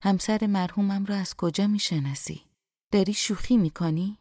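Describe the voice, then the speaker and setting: A woman voicing a kind older male scholar who speaks softly and with measured affection in an audiobook reading. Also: high-pitched, steady tone, no echo, studio quality. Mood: calm.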